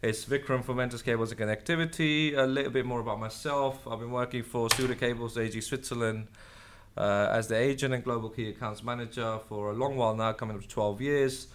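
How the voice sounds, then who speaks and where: A man's voice: medium pitch, steady tone, brisk, a bit bright, a little hiss or hum. A man hosting an interview, asking conversational, meandering questions in an office. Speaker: interview host. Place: office in London.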